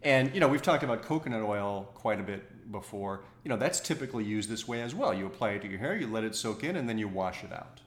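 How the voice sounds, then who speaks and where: A man's voice: on the low side, animated, quick pace, few pauses. A man co-hosting a podcast in casual chat, teasing with dry humor. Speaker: podcast co-host. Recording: roomy echo.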